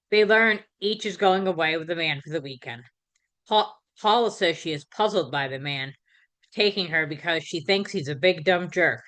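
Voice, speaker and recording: A woman with a low-pitched but bright, crisp voice talks through a recap in a relaxed, conversational way. She stumbles and corrects herself now and then, with plenty of fillers. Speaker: podcast host. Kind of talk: casual episode recap.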